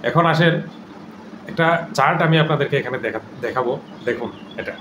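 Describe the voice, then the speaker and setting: A man giving mocking, scolding political commentary, reciting verses in a slow sing-song. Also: mid-range voice, reverberant, noisy background. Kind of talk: ranting video commentary.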